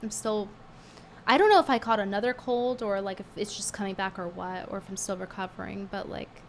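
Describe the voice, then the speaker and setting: Talking a little fast in a mid-range voice, a woman streamer chats with viewers in a casual livestream, blunt and scornful as she reads out tips. Her voice strains from a cold and is hard to get out, with slight background noise behind it.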